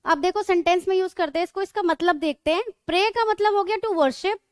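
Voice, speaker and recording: Woman teacher, high-pitched, dry close mic; explains patiently, keeps checking in. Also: fairly quick, no room sound. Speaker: English grammar teacher. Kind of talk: classroom lecture.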